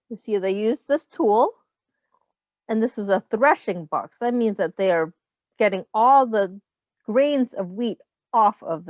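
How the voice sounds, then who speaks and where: Reading a picture book to young kids, a female teacher stops to explain easy words, highlight rhymes, and ask the children questions in an instructive way. Her voice is a little high, and the recording is dry.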